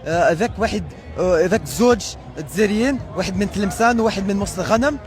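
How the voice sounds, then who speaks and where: A young man with an American accent, a native English speaker, talking casually and haltingly in a street interview. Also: high voice. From United States. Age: young adult. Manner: halting, searching for words. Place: busy city square outdoors. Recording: street crowd, faint music behind.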